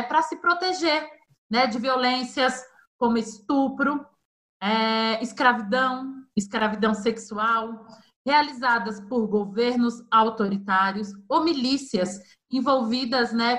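A woman's voice: sits high, a bit bright. A woman hosting a podcast interview, speaking admiringly to her guest and turning to address the listener directly. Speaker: podcast host.

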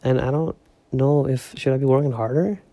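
A young man hosting a casual solo podcast, rambling with lots of fillers and keeping his voice low so he won't wake others at home. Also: steady tone, a little fast, dry recording. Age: young adult. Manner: rambling, filler-heavy, talking softly so as not to wake others. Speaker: podcast host. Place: home at night.

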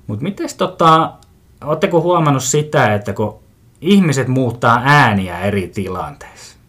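A man's voice: medium pitch, expressive, a bit bright. A man hosting a casual solo podcast, rambling through his pet peeves in a self-mocking, grumbling way, often restarting his sentences and chuckling to himself. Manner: mimics other people's voices for comic effect. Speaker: podcast host.

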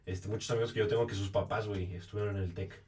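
A man's voice: lowish voice, steady tone, darkish tone. A young man with a Mexican accent, chatting and teasing casually as a podcast host. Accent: Mexican Spanish. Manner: fast, slangy, teasing. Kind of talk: casual chat. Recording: distant mic with faint noise.

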